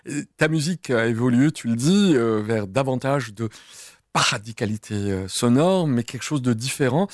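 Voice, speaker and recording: A man's voice: medium pitch, lively intonation, normal speed, dry recording, studio quality. A man interviewing a singer, asking long, rambling, chatty questions. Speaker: radio interviewer.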